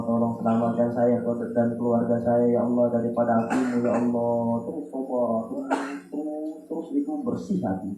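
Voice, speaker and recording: A man preaching a sermon who acts out tearful prayers and climbs to loud, pleading cries. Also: medium pitch. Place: Islamic boarding school hall. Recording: muffled echoey hall sound.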